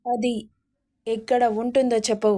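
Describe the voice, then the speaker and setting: A man's voice: very high-pitched, level tone, normal speed, warm tone. A woman voicing a furious, hot-tempered young man who speaks in a harsh, commanding way. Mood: angry.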